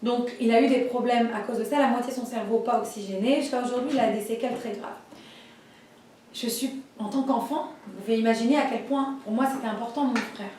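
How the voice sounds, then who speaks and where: A woman teaching a religious class, telling stories in a lively way and acting out the voices of the people in them. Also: fairly high pitch, fairly quick, slight background noise. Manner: lively storytelling, acts out voices. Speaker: Torah teacher. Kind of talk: storytelling class. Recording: echoey room, voice from far off.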